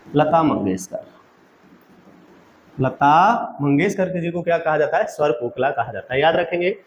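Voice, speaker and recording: A man with a fairly high voice teaches an exam-prep class. He asks a question, answers it himself and asks it again so the answer sticks, calling the audience friends. The recording is dull and lo-fi, with faint background ambience. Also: animated, moderate pace, slight background noise. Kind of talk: quiz-style lecture.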